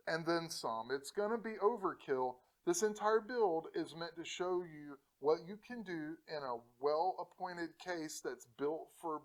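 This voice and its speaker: Tech channel host, male, fairly high-pitched, relaxed and playful, chatty delivery to camera. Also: poor audio. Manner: jokey, laughs often, chatty and encouraging. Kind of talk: casual tutorial talk to camera.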